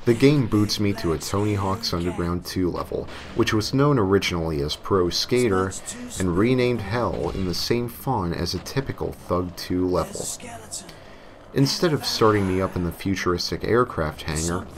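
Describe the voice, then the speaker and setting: At a normal pace and with music underneath, a man whose voice sits low delivers a creepypasta: a scripted comic horror piece told with animated, theatrical emphasis.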